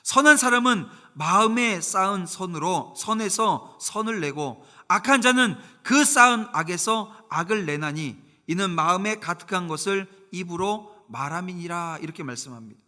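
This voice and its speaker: A man's voice: sits high, animated, normal speed, hardly any pauses, pushed and bright. A middle-aged man preaching a Sunday sermon as pastor, emphatic, asking the congregation rhetorical questions. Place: church sanctuary. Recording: reverberant church sanctuary.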